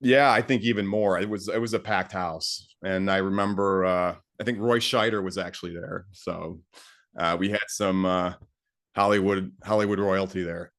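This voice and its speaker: A man's voice: low voice, fairly even intonation, normal speed, a bit bright. A man talking as a guest composer in a casual interview, enthusiastic and full of fillers and restarts.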